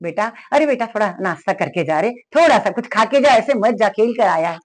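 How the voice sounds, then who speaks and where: Older woman as tender, fretting mother, gently coaxing. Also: mid-range voice, lively intonation, moderate pace, lightly acted. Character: loving, worried mother.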